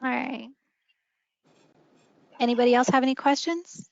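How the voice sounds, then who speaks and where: A woman's voice: high voice, flat delivery, measured pace, gravelly, dry recording. A woman training preschool teachers, explaining with friendly classroom examples. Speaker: early learning trainer. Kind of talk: online training session. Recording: dull dry lo-fi audio.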